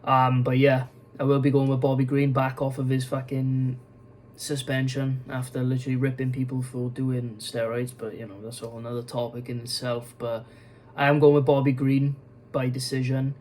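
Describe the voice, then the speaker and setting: A man's voice: mid-range voice, completely flat delivery, normal speed, darkish tone, a little hiss or hum, rough recording. A young man talking casually as an MMA video host, rambling with many fillers, restarts and frequent swearing, tired and yawning. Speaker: MMA YouTuber. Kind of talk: casual news commentary vlog.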